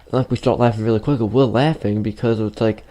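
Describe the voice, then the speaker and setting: A fifteen-year-old gaming YouTuber rambles through a filler-filled story over gameplay as he loses his voice. He talks fast in a lowish, mellow male voice with a steady tone.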